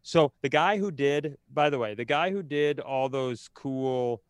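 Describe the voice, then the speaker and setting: A man co-hosting a podcast rambles through casual stories, interrupting himself and using dry, self-deprecating humour. His voice sits at a medium pitch and is smooth and a little slow, with no room sound in the recording.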